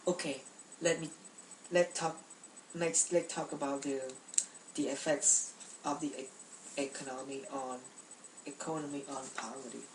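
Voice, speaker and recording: A woman's voice: extremely low pitch, steady tone, unhurried, pauses often, a little mellow, reverberant, recorded from a distance, slight background noise, poor audio. A young woman from Cambodia giving a prepared class speech, speaking carefully with frequent restarts and repeated words.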